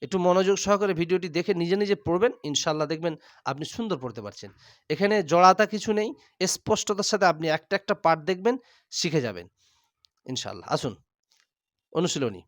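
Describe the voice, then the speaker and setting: A man teaching Quran reading step by step, drilling letters aloud and slowly repeating each word. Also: high-pitched, lively intonation, dry recording, clean studio sound. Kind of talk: step-by-step recitation lesson.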